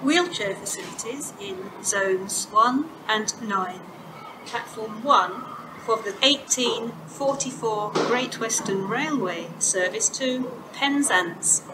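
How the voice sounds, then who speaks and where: This automated railway announcement is voiced by a woman whose pitch is a little high, speaking formally and at a measured pace with clearly spaced words. It plays over station loudspeakers recorded from far off, echoing off the platform amid noisy station ambience.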